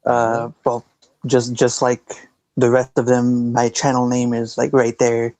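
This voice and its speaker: Flat, gravelly, hesitant man. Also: mid-range voice, measured pace, dry recording. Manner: hesitant, many fillers. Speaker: guest, cartoon reviewer. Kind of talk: casual podcast chat.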